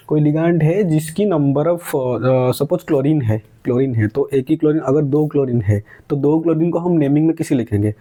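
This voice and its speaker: Male chemistry tutor, dark mellow voice sitting a touch high, patient step-by-step explainer who keeps checking understanding. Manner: explains step by step, asks questions and answers them himself; mixes English words into Hindi. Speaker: chemistry teacher. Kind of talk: classroom lecture.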